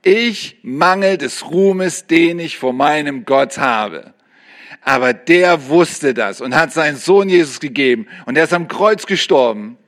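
A man preaching a sermon, animated, moving between loud emphasis and quiet, personal confiding. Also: on the high side, measured pace.

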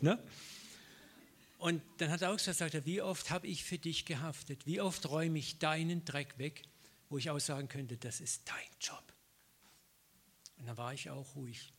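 A man's voice: a little high, normal speed, breathy edge. A middle-aged man preaching a sermon, telling personal stories with acted-out dialogue and frequent laughter. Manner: lively storytelling, acts out dialogue, laughs often.

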